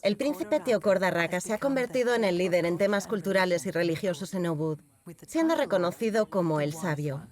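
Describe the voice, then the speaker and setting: Measured female documentary narrator. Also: lowish voice, animated, darkish tone.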